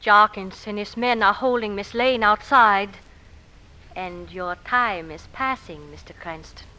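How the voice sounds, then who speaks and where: On a noisy old radio recording, an actress in a 1940s radio melodrama plays an anxious, earnest young lady from a troubled household. The mood is tense, and her medium-pitched voice is sharp in tone and measured in pace.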